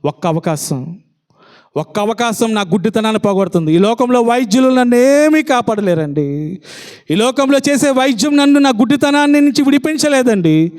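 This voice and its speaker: A man preacher voicing a blind beggar man who pleads loudly for mercy. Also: very high-pitched, lively intonation, moderate pace. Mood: hopeful resolve. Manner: pleading, desperate shouting.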